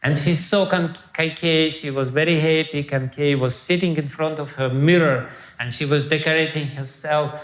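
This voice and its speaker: A man's voice: fairly high pitch, fairly even intonation, normal speed, roomy sound. A man, a spiritual teacher, telling a sacred story as a sermon, with frequent fillers and small chuckles. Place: lecture hall.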